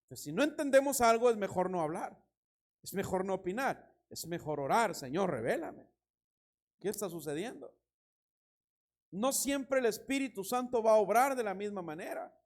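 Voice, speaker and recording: A man preaching a sermon as pastor, reading scripture and telling anecdotes with lively emphasis and a Mexican Spanish accent. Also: high-pitched, normal speed. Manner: animated preaching, reads scripture, tells anecdotes with laughter.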